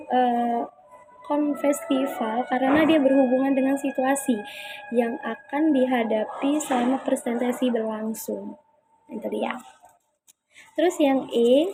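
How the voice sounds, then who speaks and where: A young woman giving an informal class presentation, chatty and hesitant, pausing often with fillers. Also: a little high. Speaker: student presenter.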